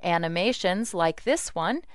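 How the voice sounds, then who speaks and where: Casting: female demo narrator, scripted instructional read, crisp voice, dry studio sound. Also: lowish voice, expressive, unhurried, dry recording.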